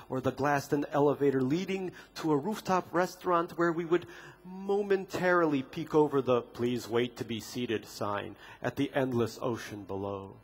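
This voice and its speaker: A man with a mid-range, slightly rough voice reads from his own memoir on a literature festival stage before an audience. His delivery is dry and ironic, with wry deadpan humor and sharp comic timing.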